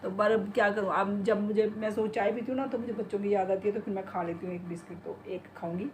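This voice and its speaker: A woman's voice: mid-range voice, fairly even intonation, fast, a little mellow. Middle-aged woman, home vlogger, rambling chatty delivery, phone audio with faint room hiss. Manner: chatty, rambling, talks to her pet. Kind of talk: casual chat to camera. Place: home kitchen and bedroom. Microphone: phone in hand.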